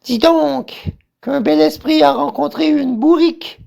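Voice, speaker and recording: A woman playing the scheming, mocking wife of a buffoon tyrant in a stage farce, shrill and exclamatory. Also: measured pace, gravelly, darkish tone, full character voice. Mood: mocking, curious. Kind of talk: theatrical farce acting.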